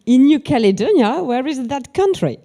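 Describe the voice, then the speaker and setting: A woman's voice: sits high, big pitch swings, moderate pace, dark tone. A woman co-presenting at a conference, reading scripted prompts to her partner. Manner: reads prompting questions to co-presenter. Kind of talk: scripted two-person presentation.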